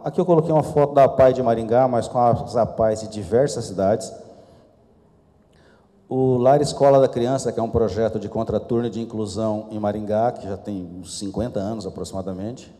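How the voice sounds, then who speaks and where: A middle-aged man with a warm, medium-pitched voice walks a conference panel through his slides, dropping informal, self-deprecating asides as he goes. The conference hall gives the recording a long reverb.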